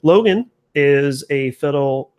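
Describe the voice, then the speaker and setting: A man's voice: fairly high pitch, takes it slowly, clear, resonant tone. A man hosting a casual podcast, chatting loosely with guests and reading names from the chat. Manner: relaxed, chatty, many fillers. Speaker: podcast host.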